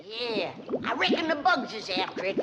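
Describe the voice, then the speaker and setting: A woman's voice: fairly high pitch, big pitch swings, normal speed. An actress playing a feisty older hillbilly grandmother with a rural Southern accent, folksy and bossy. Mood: dismissive. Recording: noisy old TV soundtrack.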